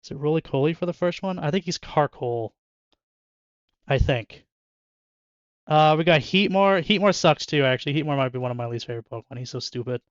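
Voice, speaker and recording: A man's voice: on the high side, lively intonation, a little fast, no echo, lo-fi sound. A young man chatting casually and joking with viewers while opening card packs in his bedroom, laughing often. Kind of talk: casual chat with live chat. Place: bedroom at home.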